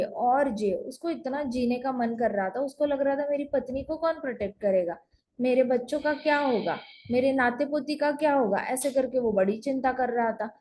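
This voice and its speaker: A woman with a high voice teaches a spiritual lesson over an online call from home. She talks in a chatty, loose way, repeats phrases for emphasis and drops in English words. There is a faint hiss of noise behind her. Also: darkish tone. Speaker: spiritual teacher telling scripture stories.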